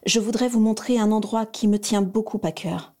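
Woman reading as a warm, coaxing mother. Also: medium pitch, fairly even intonation, moderate pace, lightly acted. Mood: cheerful coaxing. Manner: gentle, affectionate, coaxing.

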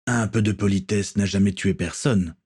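Man reading as a steady, commanding ship captain. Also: lowish voice, breathy edge. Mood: measured. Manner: measured, commanding. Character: stern, calm male ship captain.

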